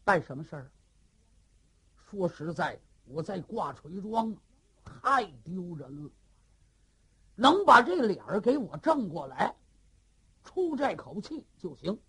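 A storyteller voicing a boastful but embarrassed male bandit who rambles and pleads in a husky voice. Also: medium pitch, big pitch swings, unhurried, long pauses, a bit bright, voice pushed down, full character voice. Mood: pleading. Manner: rambling, self-pitying. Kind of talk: traditional storytelling.

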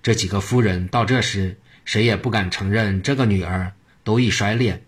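A man reading a traditional story aloud in a steady narrating manner. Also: fairly low pitch, normal speed, breathy edge.

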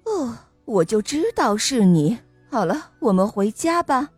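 A woman voicing a calm, knowing mother frog who opens her lines with a gentle, drawn-out oh. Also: on the high side, husky, no echo, faint music behind, full character voice. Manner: gentle, drawn-out 'oh' openings.

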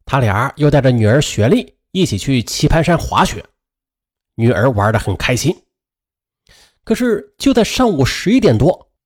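A male radio storyteller narrating a dramatized true story, speaking directly to his listeners. His voice is husky and a little breathy. His pitch rises and falls with animated swings. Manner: lively, addresses listeners directly.

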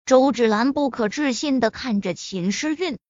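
A woman narrating a web novel aloud with expressive storytelling, with a slightly muffled lo-fi sound. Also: on the high side, moderate pace, dry recording. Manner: expressive storytelling, acts out the characters.

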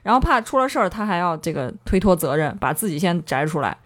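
A woman's voice: lowish voice, very animated, fast. A woman co-hosting a casual chat, chiming in and finishing her partner's sentences. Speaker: podcast co-host. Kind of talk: casual chat about a classic novel.

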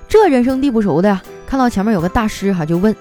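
A woman's voice: medium pitch, lively intonation, quick pace, mellow, faint music behind. A woman radio host reading out listener jokes in a playful, chatty way. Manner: playful, chatty, mimics voices for quoted people. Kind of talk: casual comic storytelling.

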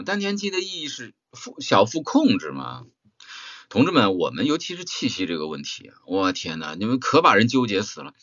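A man's voice: medium pitch, a bit bright, no echo, muffled recording. A man teaching audiobook performance in a workshop, talking bluntly and emphatically, firing rhetorical questions at his students. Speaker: voice-acting teacher. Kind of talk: spoken workshop lecture.

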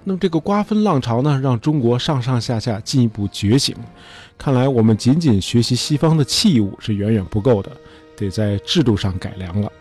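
A man's voice: mid-range voice, lively intonation, brisk, a little mellow, breathy edge, soft background music. A man hosting a history show, telling events in a chatty, casual way with many fillers.

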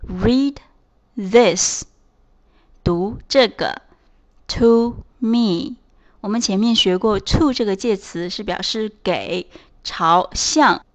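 Female teacher, mid pitch, very slow measured delivery, patient and instructional. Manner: patient, spells words and repeats example phrases slowly. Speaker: English teacher. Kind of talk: slow scripted language lesson.

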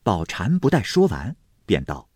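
A man reading a classical novel aloud as expressive storytelling, voicing each figure. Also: low-pitched, normal speed, breathy edge, no echo, clean studio sound. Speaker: audiobook reader.

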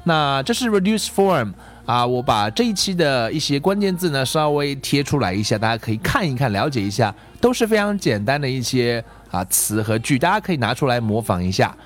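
A man teaching English pronunciation in a casual podcast lesson, patiently explaining and repeating example phrases slowly. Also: mid-range voice, big pitch swings.

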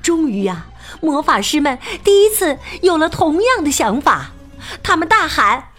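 A woman reads a picture book aloud for children in an unhurried, sing-song manner. Her fairly high voice rises and falls expressively. Quiet music plays beneath her. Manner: slow, lilting, expressive storytelling. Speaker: children's storyteller. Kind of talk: picture-book story reading. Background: faint music.

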